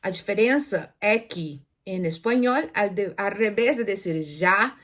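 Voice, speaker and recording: A woman teaching Spanish pronunciation in Portuguese, lively, asking viewers questions and demonstrating sounds aloud. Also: mid-range voice, measured pace. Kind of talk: online language lesson.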